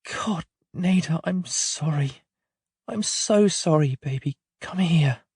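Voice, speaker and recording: A man reading aloud as an overwrought young mother in a storybook, her voice pushed well above his own low register, raw and close in a dry, deadened recording. She swings between strained outbursts and tearful pleading. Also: level tone, a little slow, no echo. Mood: tearful remorse. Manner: raises voice sharply, then breaks into tearful apology. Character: distraught young mother, volatile then remorseful.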